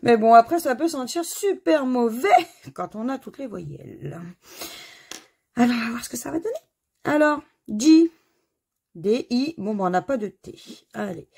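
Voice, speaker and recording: A woman's voice: fairly high pitch, sing-song, normal speed, creaky, pauses often, darkish tone, husky. A middle-aged woman casually commenting as she scratches crossword lottery tickets at home, chatty and self-mocking, spelling out letters one by one. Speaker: scratch-card video host. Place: home corner under renovation.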